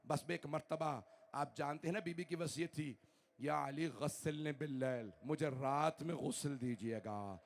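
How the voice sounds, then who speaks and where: Gravelly, high-voiced preacher man, wailing. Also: moderate pace, slight background noise. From Pakistan. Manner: wailing, rising to shouted grief. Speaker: Shia cleric reciting a majlis. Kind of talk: mournful sermon recitation. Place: large outdoor gathering.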